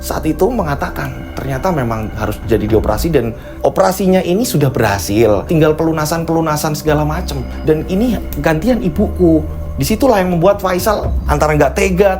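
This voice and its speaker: A man's voice: fairly high pitch, normal speed. A man telling a dramatized true story as host, acting out the scenes. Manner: lively, acts out scenes. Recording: narration over background music.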